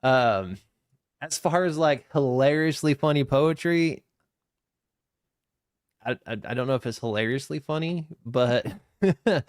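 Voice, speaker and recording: A man co-hosting a podcast, chatting casually as he reacts to a video, with frequent laughter and quick asides. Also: mid-range voice, no echo, studio quality. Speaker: podcast co-host.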